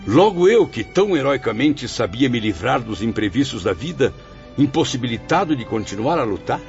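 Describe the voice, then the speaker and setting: A creaky, lowish male voice belongs to a Brazilian-accented actor voicing a blind writer's proud, bitter spirit for a radio soap opera. The delivery is theatrical and grandiose, rising and falling in emphasis, and the dull lo-fi recording has music playing underneath.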